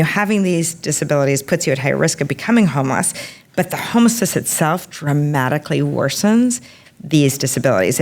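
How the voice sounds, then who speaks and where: Low-voiced woman physician explaining calmly. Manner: explanatory, measured. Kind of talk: expert interview.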